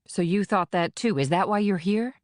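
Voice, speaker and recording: A woman's voice: medium pitch, lively intonation, normal speed, no room sound, studio quality, lightly acted. A woman voicing a tough, blunt female federal agent in an audiobook, with clipped, defensive delivery. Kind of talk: audiobook character reading.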